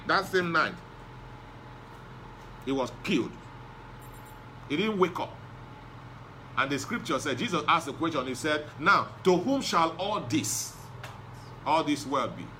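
Bright high-pitched preaching man. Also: a little hiss or hum. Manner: preaching with emphatic repetition. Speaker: pastor. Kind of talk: sermon.

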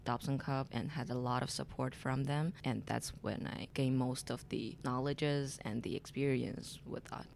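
Young woman with a gravelly edge. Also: a bass voice, steady tone, normal speed, hardly any pauses, darkish tone, a little hiss or hum. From China. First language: Chinese. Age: early 20s. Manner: hesitant, with restarts and light laughs. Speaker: guest. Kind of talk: casual interview answers.

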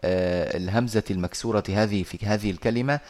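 A man teaching Quran recitation over a video call, patiently explaining and slowly reciting verses. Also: lowish voice, a little mellow.

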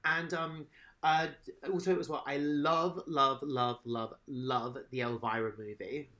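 A man in casual podcast chat, rambling and animated, swearing now and then. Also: medium pitch, unhurried.

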